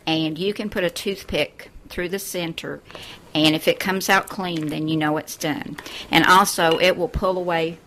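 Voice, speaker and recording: A woman's voice: on the low side, steady tone, moderate pace, fairly bright tone, a little hiss or hum. A woman hosting a cooking show from her home kitchen, chatting through a recipe step by step. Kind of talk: friendly cooking demonstration.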